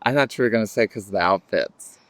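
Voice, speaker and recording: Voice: medium pitch, quick pace, dry recording. An interviewer in a casual chat, giving brief prompts and short reactions.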